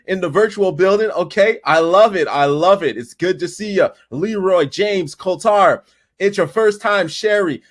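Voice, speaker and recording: A high-voiced man hosts an online webinar with lots of energy and hype. He calls out viewers by name and sounds like he is talking into a video call setup. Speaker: webinar host. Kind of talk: upbeat livestream hosting.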